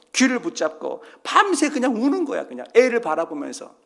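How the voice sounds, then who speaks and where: A man's voice: high-pitched, fairly bright tone. A man preaching a sermon as pastor in a church, telling a story with quoted voices and putting questions to the congregation. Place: church sanctuary.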